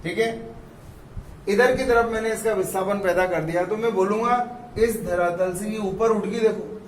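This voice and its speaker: A man with a high voice explains physics to his students, urging them again and again to look closely. He sits back from the mic in a room that rings with echo, and a faint room hum runs under him. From India. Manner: coaxing, repeats "see" and "look carefully". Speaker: physics teacher. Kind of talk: classroom lecture. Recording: roomy echo, mic at a distance.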